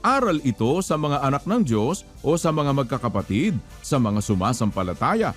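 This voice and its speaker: A man preaches emphatically and admonishingly, firing off rhetorical questions and quoting scripture in a religious exhortation. His mid-range voice is sing-song at a moderate pace, with faint music behind him.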